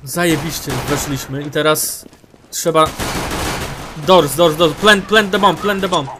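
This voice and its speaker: A man giving excitable live commentary on his own shooter match, shouting callouts, swearing and mocking his teammates. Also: a little high, a little slow, background noise.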